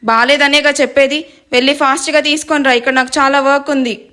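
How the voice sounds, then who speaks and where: A woman's voice: high voice, fairly even intonation, quick pace, pushed and bright. A woman storyteller voicing a bossy, teasing young husband who scolds sternly. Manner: stern, scolding, mock-angry.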